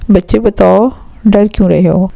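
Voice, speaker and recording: A woman voicing a protective older brother who soothes his hurt sister slowly and tenderly. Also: mid-range voice, steady tone, vocal fry, warm tone, no echo, rough recording. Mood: soothing. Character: protective older brother, gentle yet stern.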